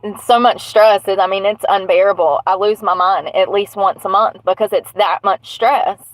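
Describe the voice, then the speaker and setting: A woman with a stuffy nose hosts a livestream from inside her truck, rambling bluntly and swearing casually in a relaxed chat. Her voice sits at medium pitch with fairly even intonation and a moderate pace. The recording is low quality but has no echo.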